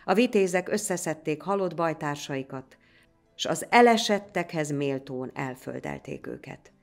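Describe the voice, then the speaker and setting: A woman reads a folk tale aloud with lively, dramatic delivery. Her voice sits low. Soft music plays faintly under her. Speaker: storyteller. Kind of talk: storybook narration.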